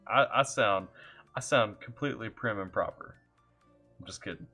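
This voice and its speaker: Greeting viewers by name and reading chat aloud, a laid-back, jokey Kentucky music reaction streamer with a Southern accent talks from his home computer setup. His fairly low voice has a sharp tone and moderate pace, with faint music behind.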